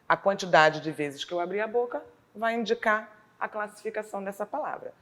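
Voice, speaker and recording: A woman teacher from Brazil with a Rio de Janeiro accent, explaining a school lesson slowly and deliberately, sounding out words syllable by syllable. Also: mid-range voice. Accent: Rio de Janeiro Portuguese.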